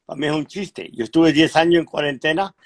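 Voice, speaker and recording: A middle-aged man from Cuba, a guest author telling his life story in a frank, measured way over a video call, pausing and clearing his throat. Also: a little high. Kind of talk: conversational interview storytelling.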